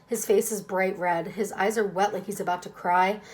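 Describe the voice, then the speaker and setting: A woman narrates a children's novel in a medium-pitched voice. She reads the first-person story aloud with expression. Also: fairly even intonation, moderate pace. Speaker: reader.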